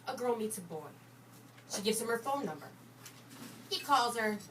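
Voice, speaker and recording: An actress performing a monologue as a jaded young woman, telling it in a wry, deadpan way with a bitter edge. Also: fairly high pitch, normal speed. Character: sardonic young woman, jaded about romance. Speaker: stage actor performing a monologue. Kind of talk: theatrical monologue. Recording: distant mic, noisy background.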